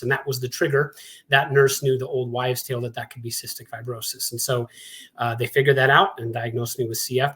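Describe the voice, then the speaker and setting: A mid-range, fairly bright male voice belongs to a Montana man in his forties who hosts and joins the panel of a conference session. He talks in a friendly, conversational way and pokes fun at himself.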